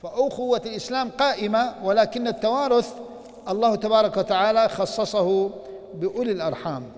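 High-voiced man lecturing in a reverberant mosque. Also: fast, darkish tone. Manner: earnest teacher, rhetorical questions, mixes classical and colloquial speech. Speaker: university professor lecturing on the Prophet's biography. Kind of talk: religious lecture. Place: mosque hall. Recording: long reverb of a mosque hall.

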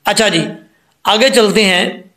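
A man with a fairly high voice teaches correct recitation at an unhurried pace. He explains each point patiently and reads the verses slowly, close to the mic. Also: pushed and bright. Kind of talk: tajweed lesson with slow chanted recitation.

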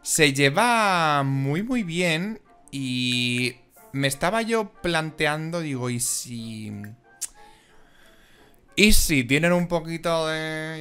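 A man giving casual, excitable and emotional commentary on a life-simulation game. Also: a little high, clean tone. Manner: excitable and emotional, exclaims and giggles. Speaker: gaming video host.

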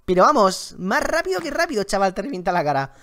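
Excitable young man from Spain, lively pitch. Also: fast talker. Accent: Spain Spanish. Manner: excitable, chatty, slangy, talks to viewers. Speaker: gaming YouTuber. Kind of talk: live gameplay commentary. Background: game music.

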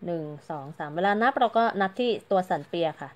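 A woman's voice: on the low side, lively intonation, quick pace. A woman giving a casual, chatty crochet tutorial, counting stitches aloud and explaining each step politely. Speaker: crochet teacher.

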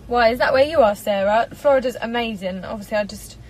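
A woman's voice: on the high side, fast, low-quality recording. A woman in her twenties with an English accent, chatting casually to a live-stream audience from a parked car, speaking into a propped-up phone. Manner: chatty, bubbly, giggly. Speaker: singer doing a live stream. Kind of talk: casual live-stream chat reading comments. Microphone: phone propped up in front.

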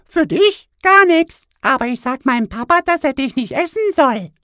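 A bratty princess. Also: male voice, very animated, moderate pace, bright, forceful tone, no echo, clean studio sound, exaggerated voice. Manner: falsetto, bratty. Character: spoiled young princess, whiny and bratty.

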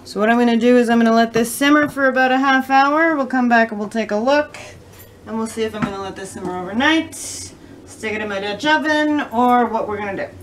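A middle-aged woman runs a home cooking show, talking briskly through each step as she cooks in her kitchen in a casual demonstration. Her pitch is fairly high. There's a little hiss or hum, along with kitchen clatter picked up by a camera a few feet away.

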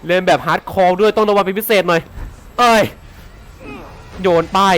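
A man commentating his game playthrough in an excitable way, swearing and laughing as he plays. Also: high-pitched, brisk, smooth. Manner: excitable, swears and shouts often; laughs a lot. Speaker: gaming YouTuber.

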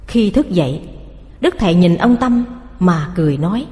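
A woman narrating a religious story in a steady, reverent storytelling manner. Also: on the low side, moderate pace. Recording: long reverb, hall-like.

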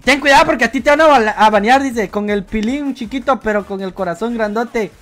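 A Guatemalan woman hosting a livestream reads viewer jokes in a casual chat, her high voice brisk and her Guatemalan Spanish accent clear. She's playful and teasing, saying "bro" again and again, with soft music in the background.

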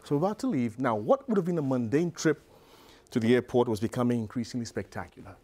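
A middle-aged man giving a motivational business talk to a live audience, telling a story in a lively, conversational way. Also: mid-range voice, quick pace. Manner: animated, conversational storyteller with frequent "you know". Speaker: business speaker. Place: live presentation before an audience.

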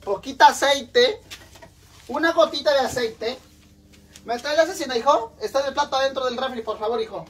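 A woman's voice: sits high, a little fast, husky. A middle-aged woman with a Mexican accent, hosting a crude, joking live-stream cooking chat from her home kitchen and calling her viewers sisters. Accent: Mexican Spanish.

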